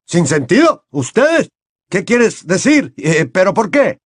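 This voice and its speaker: A man's voice: high voice, sing-song, fairly bright tone, no echo, studio quality, pitched above the performer's own voice, exaggerated voice. A man reading an audiobook and voicing a flustered, breathless male wizard official who fires off questions. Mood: incredulous. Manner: rapid-fire questions, flustered.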